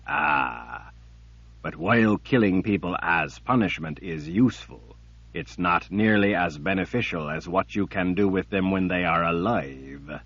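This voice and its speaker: A man voicing a cruel, patient male emperor villain who speaks in a cold, deliberate, menacing way. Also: low voice, animated, fairly bright tone, husky, exaggerated voice. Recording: dull lo-fi recording.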